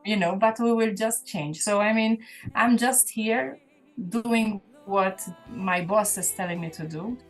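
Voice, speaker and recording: With faint music behind her, a woman who sings gospel answers casual interview questions in an earnest, reflective way. Maltese is her first language; her voice is medium-pitched and a little slow, and she often restarts what she's saying.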